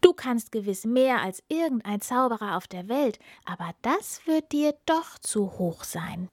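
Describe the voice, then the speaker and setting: A woman voicing a clever, flattering male talking cat from a fairy tale, with a bright, eager, cunning manner. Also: fairly high pitch, measured pace, no room sound, clean studio sound.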